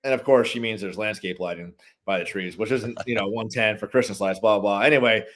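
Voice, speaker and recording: A man chats in a casual interview, rambling through animated stories about his lighting work. His voice sits somewhat low, and he talks loosely, with many fillers. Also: quick pace, slight background noise. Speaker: guest, holiday lighting business owner.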